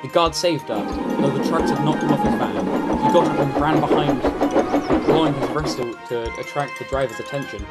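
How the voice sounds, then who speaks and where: A man from the United Kingdom narrating a children's storybook in an animated, expressive way. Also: medium pitch, moderate pace. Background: background music.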